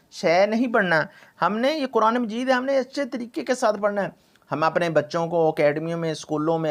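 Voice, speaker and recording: A man teaching Quran recitation, drawing out syllables slowly to demonstrate and repeating words over and over, then explaining at a brisk pace. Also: high-pitched. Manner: repeats words again and again for practice. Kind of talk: tajweed lesson, explaining and demonstrating.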